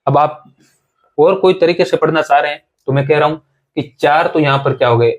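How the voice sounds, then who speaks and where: A man's voice: fairly high pitch, fairly quick, lo-fi sound. A man teaching an exam-prep grammar lesson, explaining step by step, repeating points and asking rhetorical questions of his students.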